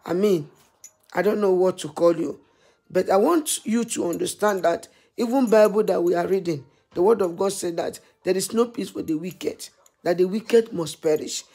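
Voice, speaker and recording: A woman's voice: on the low side, moderate pace, warm tone, slightly rough. A woman giving impassioned vlog commentary, preachy and scolding, repeating her points again and again. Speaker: vlogger.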